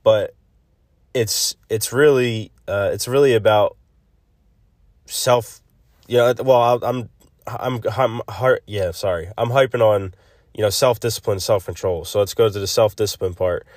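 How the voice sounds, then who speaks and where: A man hosting a casual solo devotional podcast, thinking aloud haltingly, recorded on a phone's built-in mic instead of a proper microphone. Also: on the low side, darkish tone, no echo. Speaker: podcast host. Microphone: built-in phone mic, no separate microphone. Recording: close, dry phone recording.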